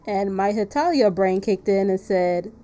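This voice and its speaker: A woman hosts a live stream playthrough of a visual novel, chatting casually and often repeating her phrases. Her mid-range voice is warm and expressive, a little slow, with music playing behind her.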